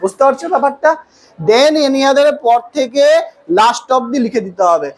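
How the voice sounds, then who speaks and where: A woman's voice: high voice, expressive, moderate pace, low-quality recording. A woman teaching an English grammar lesson. She quizzes her students with questions, then answers them herself. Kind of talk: classroom lesson.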